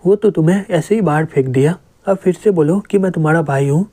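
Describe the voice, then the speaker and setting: A man's voice: a little high, brisk, warm tone, natural voice. A man voicing a rude, arrogant young male passenger in a comic story retelling, scoffing as he talks.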